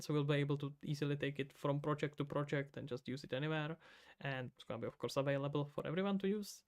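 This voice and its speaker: A man from the Czech Republic, speaking with a Czech accent, streams his indie game coding live, mumbling to himself and replying casually to chat. His fairly high voice is clear and resonant.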